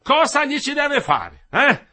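A man's voice: very high-pitched, very animated, slow pace, bright, forceful tone, pitched above the performer's own voice, exaggerated voice. A man reading the part of an old bricklayer who grumbles indignantly and fires off questions. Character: old grumbling Florentine bricklayer, moderate socialist.

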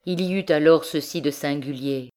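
A woman narrating a classic novel as an audiobook, reading in a slow, measured way. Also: sits low, warm tone. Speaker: audiobook reader.

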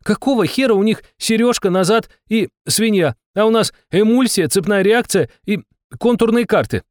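Man voicing a shrill cursing young shamaness. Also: fast, dry recording, clean studio sound, lightly acted. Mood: heated. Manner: shouting, swearing, excitable. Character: brash foul-mouthed young woman shaman.

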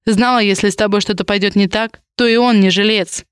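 A woman's voice: mid-range voice, fairly even intonation, brisk, clean tone, no room sound, studio quality, lightly acted. A woman reading an audiobook, voicing a protective, possessive young man in clipped, blunt lines. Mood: gruff.

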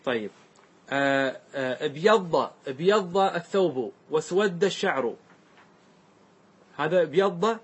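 A man teaching a classroom grammar lesson, slowly repeating word forms and often checking that his students follow. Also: fairly high pitch, fairly bright tone, husky. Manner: asks students frequent check questions; repeats words slowly to show their forms.

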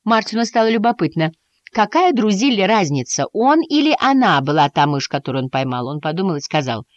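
A woman narrating a children's audiobook with an expressive, lively reading. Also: medium pitch, a little fast, dry recording, muffled recording. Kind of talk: storybook narration.

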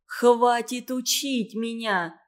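A woman's voice: a little high, moderate pace, fairly bright tone, natural voice. A woman reading an audiobook, voicing a proud young woman who answers sharply and stubbornly. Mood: angry.

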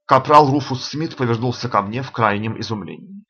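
Man narrating an audiobook, bright tone. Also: mid-range voice, fairly quick, slightly rough, highs cut off. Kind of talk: scripted narration.

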